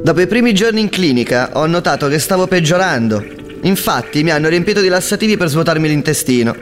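A man's voice: on the high side, animated, quick pace, music in the background, close to an everyday voice. A man playing a hapless patient giving a plaintive, earnest testimonial in a mock medical documentary. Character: hapless, plaintive male patient with absurd ailment.

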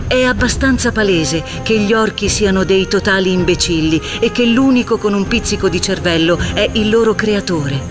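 A man's voice: high voice, normal speed, few pauses, music in the background, natural voice. A man playing a sardonic storyteller, delivering wry scripted narration for a comic fantasy.

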